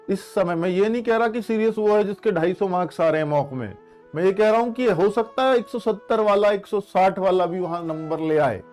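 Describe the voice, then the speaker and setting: Giving students motivational advice for their exams, this coaching teacher explains things, repeats key phrases, and poses questions he then answers himself. He has a high-pitched voice with a slightly mellow quality.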